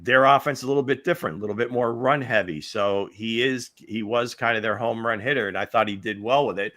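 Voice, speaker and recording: A man's voice: mid-range voice, fast talker, a bit bright. A man co-hosting a casual sports talk show, analyzing draft prospects in a rambling, thinking-aloud way. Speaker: football analyst co-host.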